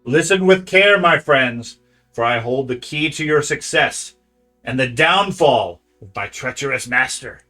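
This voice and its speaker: A man's voice: mid-range voice, animated, pushed and bright, soft background music. A man voicing an ancient, bitter eagle-headed demon for a tabletop game, with a snake-like hiss and formal archaic speech. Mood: conspiratorial. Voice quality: hissing, snake-like. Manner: formal archaic speech, slow solemn pronouncements. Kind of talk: game master acting a villain in a tabletop game.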